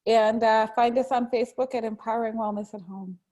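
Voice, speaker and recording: A woman tapping practitioner who leads slow spoken affirmations, then chats and giggles with her co-host. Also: on the high side, fairly even intonation, darkish tone. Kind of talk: guided tapping affirmations, then casual chat.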